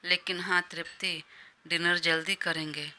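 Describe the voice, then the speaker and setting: A woman's voice: on the low side, steady tone, measured pace, bright, forceful tone. A woman reading a storybook part, voicing an indulgent male boss who gives in easily but keeps his own plans firm. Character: smooth-talking male boss, indulgent, busy.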